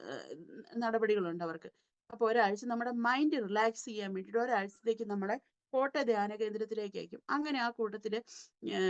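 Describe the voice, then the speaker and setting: A young woman telling her life story in an earnest, halting way with many fillers. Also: fairly high pitch. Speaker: guest sharing her testimony. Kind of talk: personal testimony. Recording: dull lo-fi audio.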